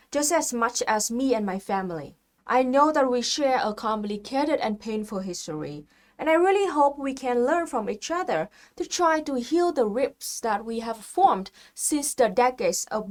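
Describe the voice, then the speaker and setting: Woman host from Vietnam, somewhat high voice, earnest explainer doing scripted commentary. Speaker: video host.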